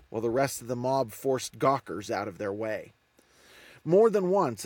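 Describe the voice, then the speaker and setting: A man's voice: mid-range voice, a little mellow, no echo. Man narrating an audiobook. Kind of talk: scripted narration.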